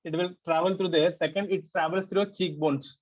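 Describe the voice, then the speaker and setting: High-voiced teacher lecturing. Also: male voice, steady tone, fairly quick, dull audio. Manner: conversational, asks students frequent rhetorical questions. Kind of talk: explanatory class lecture.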